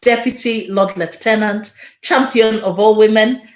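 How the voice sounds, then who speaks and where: A woman's voice: medium pitch, steady tone, a little slow, echoey room. A woman hosting an online interview over a video call, speaking effusively and addressing her audience directly. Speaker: host.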